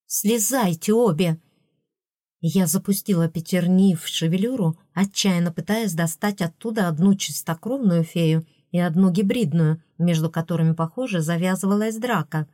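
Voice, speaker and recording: A woman reading first-person fantasy narration for an audiobook, lively and expressive, close to the mic. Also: on the low side, moderate pace, few pauses, dry recording.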